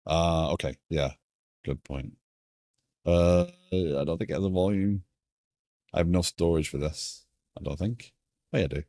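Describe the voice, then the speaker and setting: Unhurried and pausing often, a man with a low voice and fairly even intonation thinks aloud haltingly while chatting casually on a coding live stream. His British accent has softened from years in America, and the studio-quality audio carries no room sound.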